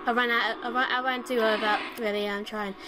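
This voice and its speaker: This let's play host is a young woman speaking fast in a slightly high voice with fairly even intonation, commenting casually on a horror game alone in her bedroom. Panicked and jumpy, she curses often and says things over and over. The recording, made at home, is noisy and buzzy.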